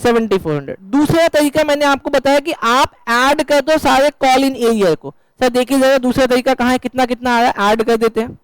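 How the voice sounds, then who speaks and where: High-voiced joking teacher. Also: male voice, fairly quick, few pauses, smooth, no room sound, poor audio. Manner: joking, quizzing students, mixing English terms. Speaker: accounts teacher. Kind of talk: classroom lecture. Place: classroom.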